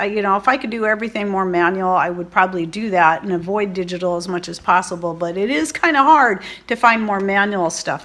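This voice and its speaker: Hosting a homesteading and preparedness video channel, a woman gives a casual product review to her viewers, chatty, informal and rambling. Her voice is medium-pitched with a fairly bright tone.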